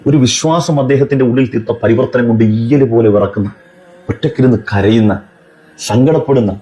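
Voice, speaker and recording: A man's voice: mid-range voice, dark tone. A man giving a persuasive religious speech, firing one rhetorical question after another at the listener. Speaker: Islamic speaker.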